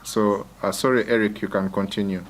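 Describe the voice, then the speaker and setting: A man's voice: fairly low pitch, fairly even intonation, fairly quick, noisy background. A man facilitating an online workshop over a video call, hesitant and restarting his sentences. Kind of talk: giving instructions on a call.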